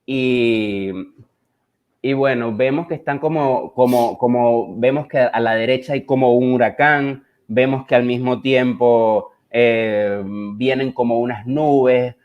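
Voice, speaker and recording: Male, Caribbean Spanish accent, reflective artist talk, halting and word-searching delivery, dull lo-fi sound. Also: medium pitch, fairly even intonation. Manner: hesitant, searching for words with repeated phrases. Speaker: visual artist presenting his work. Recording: dull, lo-fi online audio.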